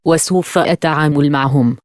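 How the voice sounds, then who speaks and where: A woman voicing a male doctor pleading for help in an audiobook, urgent but measured. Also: deep voice, no echo, studio quality, close to an everyday voice.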